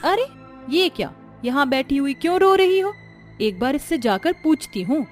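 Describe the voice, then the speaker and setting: A woman's voice: high-pitched, very animated, moderate pace, voice pushed up. A woman voicing a poor, hardworking young bangle seller who speaks in an earnest, kind way, over faint music. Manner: bright, earnest, street-vendor calls.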